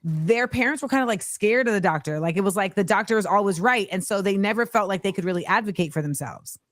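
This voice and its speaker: A woman's voice: mid-range voice, lively intonation, quick pace, no room sound, clean studio sound. Playful woman hosting a podcast. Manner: playful and joking. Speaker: podcast host. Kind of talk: casual interview. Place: small indoor studio. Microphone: studio mic on a boom arm.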